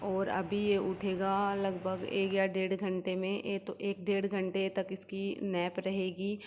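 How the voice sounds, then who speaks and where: Flat-voiced woman explaining her baby's day. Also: medium pitch, takes it slowly, long reverb tail, a little hiss or hum. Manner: calm, explanatory, with soft hesitation fillers. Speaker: mother vlogging her baby's routine. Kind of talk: casual home vlog narration. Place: indoors at home.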